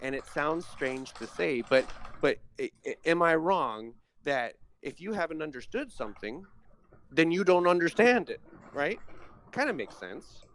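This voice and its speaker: A man's voice: a little high, sing-song, a little slow, a bit bright, a little hiss or hum. A man hosting a casual talk, explaining ideas in a thoughtful, philosophical way and often checking in with "you know" and "right.". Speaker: astrologer host. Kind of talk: casual conversational teaching.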